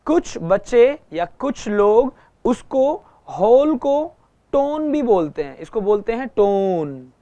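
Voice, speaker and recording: A man's voice: very high voice, very animated, slow, mellow, muffled recording. A man teaching a guitar lesson, patiently repeating each point and checking that everyone follows. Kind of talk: online music lesson.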